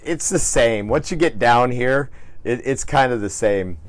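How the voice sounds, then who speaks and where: An American man, a cruise director, answering interview questions in a casual, halting, easygoing way. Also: mid-range voice, expressive, dry recording.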